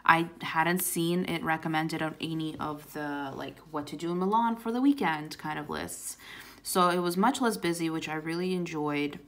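A woman's voice: deep voice, normal speed. A young woman in her twenties, telling a trip story in a chatty, casual way full of "like" and "um", coloring as she talks. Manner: chatty, lots of "like" and "um". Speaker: coloring channel host. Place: indoors at home, coloring while talking.

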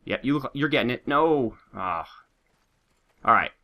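On a muffled recording, a let's play host speaks at medium pitch and a little slowly while joking about his gameplay. Slight sickness gives him a bit of nasality and a sore throat. He's animated and funny, talking to his troops and viewers.

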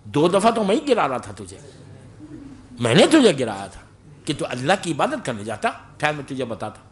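A man's voice: on the high side, wildly swooping pitch, slightly rough, pitched below the performer's own voice, full character voice. A man voicing Satan, a sly male devil who explains himself in a smug tone.

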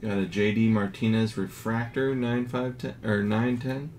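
A man casually narrating as he reveals graded trading cards, reading out each grade in a low-key, unhurried way. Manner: slow, low-key commentary, grades read in a flat list. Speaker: card collector. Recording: audible background noise.

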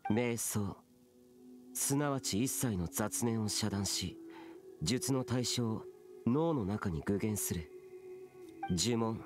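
A young-looking immortal warrior guardian, solemn and aloof, speaks in a low male voice that is curt, grave and stern. It's Japanese anime game voice acting, with game music playing behind.

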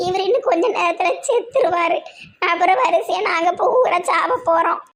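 A performer voicing a frantic middle-aged mother in an animated comedy, with a Tirunelveli Tamil accent, wailing and lamenting. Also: very high-pitched, moderate pace, slight background noise. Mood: panicked.

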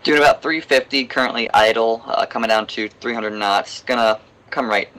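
A young man leading a flight in a flight simulator, mixing calm, clipped radio calls with casual chat. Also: medium pitch, normal speed. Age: young adult. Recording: clearly noisy headset voice chat.

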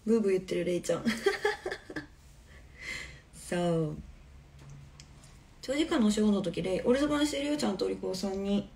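A woman hosting a casual live stream from her home on a phone, chatting in a relaxed way and answering viewers' comments. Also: medium pitch, fast talker, vocal fry. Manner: chatty and relaxed, often laughing softly.

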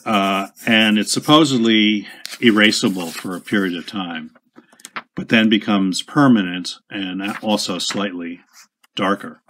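A man casually demonstrating a writing instrument at his desk, chatty and unhurried, with small asides and self-corrections. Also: on the low side, fairly bright tone. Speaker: pen shop owner demonstrating a product.

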